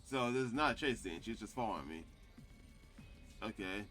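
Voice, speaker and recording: A man's voice: on the low side, animated, normal speed, a bit bright, faint music behind. A young man casually commenting on a game he plays, swearing now and then and reading its text aloud. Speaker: gaming video host. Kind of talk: let's play commentary.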